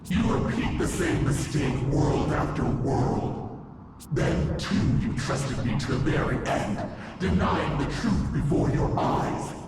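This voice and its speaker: A woman voicing a treacherous fairy turned demonic villain in a game cutscene, her voice run through a voice-changer distortion filter and spoken with slow, scornful theatrics. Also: low-pitched. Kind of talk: video game cutscene dialogue. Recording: game audio, echoey and distant over loud music. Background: loud game music.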